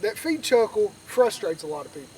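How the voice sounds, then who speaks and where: High-pitched man teaching, outdoors. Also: big pitch swings, fairly quick, darkish tone. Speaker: duck calling instructor. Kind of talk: informal outdoor tutorial, conversational teaching. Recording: distant mic outdoors, faint background noise.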